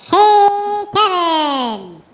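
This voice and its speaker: A man speaking in a squeaky, high chipmunk voice from breathing helium, calling out playfully in casual chat among friends. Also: sing-song, very slow, a bit bright, full character voice.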